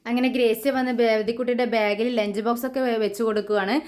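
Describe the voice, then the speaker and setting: A woman's voice: fairly high pitch, steady tone, fast talker, a little mellow. A woman retelling the plot of a TV serial in a casual, conversational way, often correcting herself mid-sentence. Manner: conversational, with frequent restarts and self-corrections. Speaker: serial review narrator.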